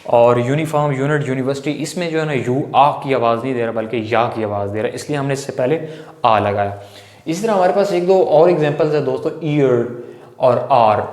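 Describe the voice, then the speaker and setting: A man's voice: medium pitch, a little mellow. Guy teaching english grammar, repeats stuff a lot, asks viewers then answers himself, roomy echo. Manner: repetitive, asks the viewers questions and answers them, often says "friends". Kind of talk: explanatory grammar lecture. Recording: echoey room with long reverb.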